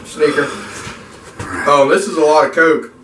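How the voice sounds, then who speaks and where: A young man banters in a loose, slangy, joking way. His voice sits a little high for a man. He is recorded at a distance in a reverberant room with clear background noise. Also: steady tone, unhurried. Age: young adult. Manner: jokey, slangy. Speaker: challenge video participant. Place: small bare indoor room. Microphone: camera several feet away. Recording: echoey, noisy room, distant mic.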